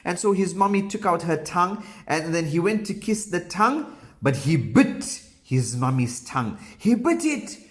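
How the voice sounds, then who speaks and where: A man telling a moral story to children, slow and animated with frequent ums and pious phrases. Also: a little high.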